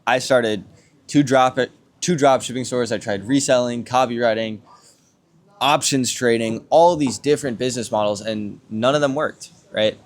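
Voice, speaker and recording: A man with a medium-pitched voice talks casually as a motivational podcast co-host. He builds his points with rhetorical questions and short tag questions that seek agreement. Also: moderate pace. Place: outdoors on a villa balcony.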